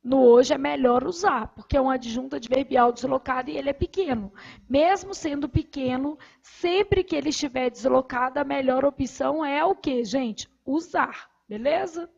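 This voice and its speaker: Woman, Brazilian Portuguese accent, grammar teacher, high voice, asks and answers her own questions, muffled lo-fi sound. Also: creaky, a little mellow. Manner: asks rhetorical questions and answers them herself; counts syllables aloud slowly. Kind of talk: recorded grammar lesson.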